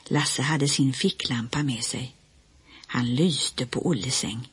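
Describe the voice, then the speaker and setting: Woman narrator for a kids' audiobook, low, slightly husky voice. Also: dry recording. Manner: gentle, storytelling. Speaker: audiobook reader. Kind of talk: storybook reading.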